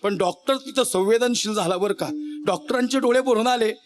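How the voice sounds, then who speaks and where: High-pitched male kirtankar, emotional and rustic, speaking straight to the crowd. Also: a little fast, faint music behind. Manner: emotional, rustic, addresses the audience directly. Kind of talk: devotional kirtan sermon.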